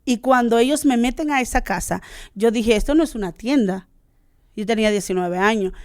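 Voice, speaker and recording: A woman giving an emotional personal testimony as a radio guest, telling her story in an animated way and acting out the dialogue. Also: a little high, a little fast, no room sound, studio quality.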